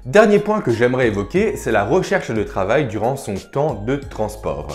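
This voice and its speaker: Man, career vlogger, lively informal delivery with bouncy intonation, soft music under. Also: medium pitch, moderate pace. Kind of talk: casual advice vlog addressing the viewer.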